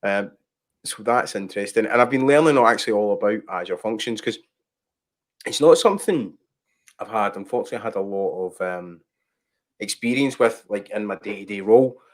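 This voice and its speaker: A man's voice: fairly low pitch, fairly quick. A man hosting a casual livestream chat, easygoing and full of filler sounds. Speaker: host.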